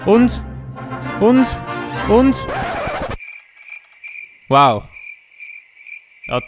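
A man giving comedic let's-play commentary, joking and often squealing up in pitch. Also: big pitch swings, very slow, over music. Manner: jokey, exaggerated, often squeals and jumps up in pitch. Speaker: gaming YouTuber.

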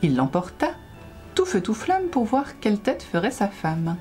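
A woman reading a rhyming children's Christmas story aloud as a librarian, with expressive storytelling. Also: medium pitch, unhurried, faint music behind.

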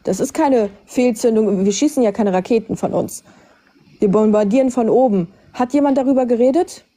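Female live debater, raised pitch with a mellow tone, pressing her points through insistent questions. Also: moderate pace.

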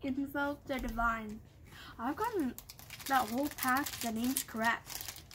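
A woman's voice: sits high, steady tone, unhurried, fairly bright tone, a little hiss or hum. A woman hosting a casual pack-opening vlog, reading card names aloud and humming little sound effects. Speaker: channel host.

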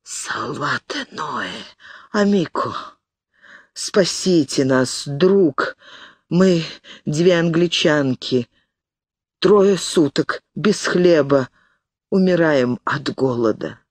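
A woman voicing a brave, desperate elderly Englishwoman who speaks in a low, weak plea. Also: expressive, very slow, long pauses, a little mellow, dry recording, heavily acted. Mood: pleading.

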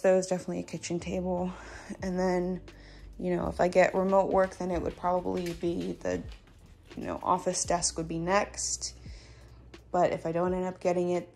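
Her voice is fairly low, creaky and a little mellow. A young woman films a casual house tour on a handheld phone inside her small new home, rambling along with plenty of filler words and pausing to coo at her dog.

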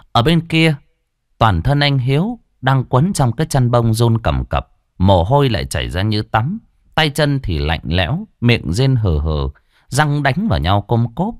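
A man narrating a ghost story dramatically, dropping to a hush for tension. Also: on the low side, dry recording, clean studio sound. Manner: dramatic, expressive, swings between hushed and loud.

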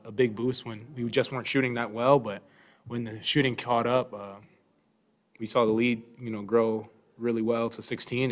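A relaxed young man answers reporters' questions after a game. He speaks into a desk mic in a press room. His voice sits a little low, and he talks thoughtfully, filling his pauses with "um" and "you know.". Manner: relaxed, thoughtful, many fillers. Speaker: basketball player at a postgame press conference. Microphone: desk microphone.

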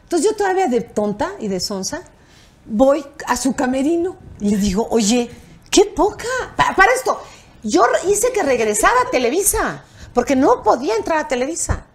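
A woman's voice: high voice, a little fast, creaky. An older woman with a Mexican Spanish accent, a TV producer telling anecdotes in an interview and acting out the dialogue. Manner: animated, acts out quoted dialogue with raised voice and laughter. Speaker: television producer, interview guest.

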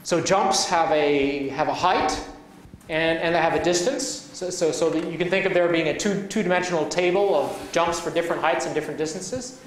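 A man giving a university lecture, halting and restarting often with many fillers as he explains his work. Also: on the high side. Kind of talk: academic lecture. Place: lecture hall. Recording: echoey hall, from far off, faint noise.

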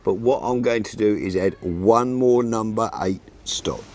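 Calm, methodical older man teaching. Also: fairly low pitch, measured pace, noisy background. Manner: calm, methodical, practical explanations. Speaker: fishing instructor. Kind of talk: step-by-step tutorial. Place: outdoors in a fenced garden, seated at a table.

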